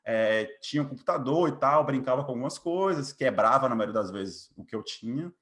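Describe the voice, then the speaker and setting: A man in his late twenties, a software developer with a Bahian Brazilian accent, tells his own story informally during a casual interview, sprinkling in tag questions. His medium-pitched voice is animated, fairly bright and a little fast.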